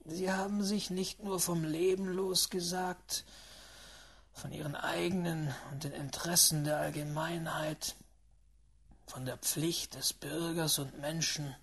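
A stern, reserved Englishman in an audiobook, as a reader puts him on, speaking in a low, breathy half-whisper. Every word comes slow and weighed. The tone is grave and earnest, never raised. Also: full character voice. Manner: hushed, half-whispered, measured delivery. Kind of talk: audiobook reading.

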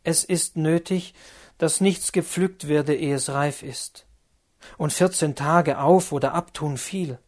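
A man narrating a classic novel as an audiobook, measured and solemn. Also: a little high, a little mellow.

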